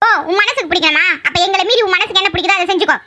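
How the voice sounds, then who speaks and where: A woman's voice: extremely high pitch, racing, background noise. A woman voicing a domineering cartoon mother. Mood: scolding. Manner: scolding, threatening, emphatic. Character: stern, domineering middle-aged mother. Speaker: voice actor. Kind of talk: animated cartoon drama voice acting.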